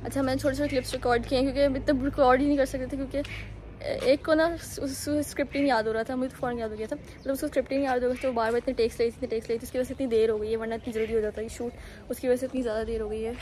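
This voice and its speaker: A woman's voice: sits high, fairly even intonation, very fast, a little mellow. A young woman, a university student, chatting casually and rambling in a giggly way for her vlog. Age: young adult. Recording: crowd and noise behind.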